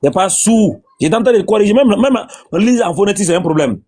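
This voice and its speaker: A man's voice: high voice, lively intonation, quick pace, warm tone, slightly rough. A man in a religious debate, insistently repeating his questions.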